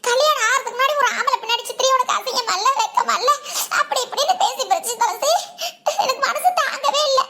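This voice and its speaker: A woman's voice: very high-pitched, animated, fast talker, creaky, background noise, full character voice. A woman voicing a tearful, lovesick young village woman in a cartoon, speaking with a southern Tamil accent. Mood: distressed. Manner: weepy, pleading. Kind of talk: cartoon voice acting. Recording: background music under the voice.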